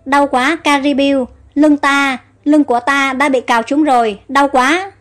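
A wounded queen, voiced by a woman reader, cries out plaintively. Her voice is high. Faint music hums behind her. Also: fairly even intonation, a little slow. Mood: pained. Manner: crying out, plaintive. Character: startled queen in pain, woman.

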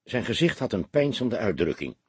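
A man narrating a detective audiobook in an expressive storytelling manner. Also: lowish voice, moderate pace, slightly rough, no echo.

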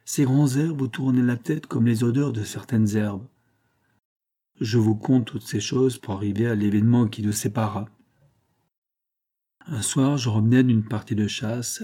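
A man voicing a bitter, sardonic ruined glassmaker in an audiobook reading, speaking with acid mockery and heated bursts, a little above his usual pitch. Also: a little slow, mellow, lightly acted. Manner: acerbe, mocking, with heated bursts.

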